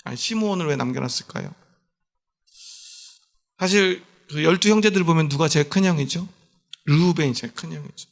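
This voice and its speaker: A man's voice: fairly high pitch, quick pace, vocal fry. A male pastor giving a sermon in a conversational storytelling way, often asking the congregation questions.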